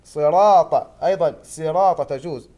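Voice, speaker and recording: A man with a Gulf Arabic accent leads a tajweed lesson in a fairly high voice. He chants the verses slowly and sets each correct pronunciation against the common mistake. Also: mellow. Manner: slow, deliberate, contrasting correct and wrong pronunciations. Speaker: Quran recitation teacher.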